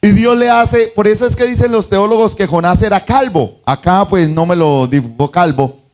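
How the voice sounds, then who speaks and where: A man's voice: sits high, normal speed. A man preaching a sermon as pastor, acting out voices from the story and asking his congregation questions. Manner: animated, acts out the voices of the story; asks the congregation "¿sí o no?".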